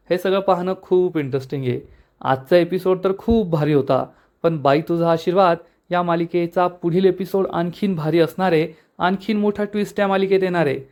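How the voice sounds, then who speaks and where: A man's voice: on the high side, a little mellow, highs cut off. A man narrating a TV serial episode recap, enthusiastic and addressing viewers as friends.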